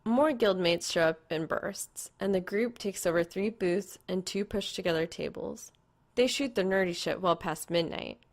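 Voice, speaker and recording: At a moderate pace, a woman reads fan fiction aloud from a script all the way through. Her voice is low-pitched, with a clear creaky, gravelly quality.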